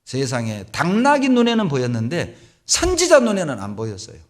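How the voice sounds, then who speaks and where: A middle-aged male pastor preaching a sermon in a church, telling Bible stories with animated delivery. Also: fairly high pitch, brisk. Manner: animated storytelling, acts out biblical voices. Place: church sanctuary.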